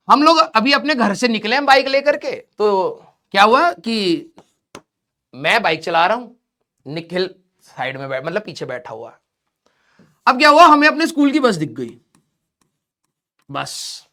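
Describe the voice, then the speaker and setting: With a high-sitting voice that sounds pushed and bright, a male teacher shares a personal story with his students. He is chatty, laughs often, and keeps dropping fillers like "ठीक है" and "भाई साहब".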